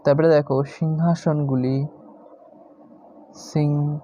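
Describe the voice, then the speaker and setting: Slow, repetitive male teacher. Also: on the high side, fairly even intonation, mellow, a little hiss or hum. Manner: slow, repeats each word several times. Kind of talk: step-by-step classroom explanation. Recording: dull lo-fi sound.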